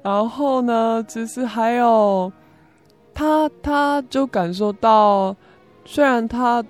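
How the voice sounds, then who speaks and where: Young korean lady, foreigner speaking mandarin w/ korean accent, halting and repeating words, telling her story, music behind. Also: on the high side, clean tone. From South Korea. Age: young adult. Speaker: interview guest, student. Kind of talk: personal testimony in conversation.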